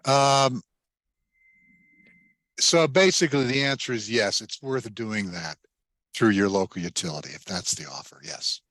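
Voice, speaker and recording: A man's voice: lowish voice, a bit bright, no echo, low-quality recording. Guy on a group video call, dry close sound, keeps restarting his sentences, connection drops out now and then. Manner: halting, restarts phrases, reads a question aloud. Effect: voice over an online group video call, cutting out at times. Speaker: guest presenter answering audience questions. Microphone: computer or headset mic on a video call.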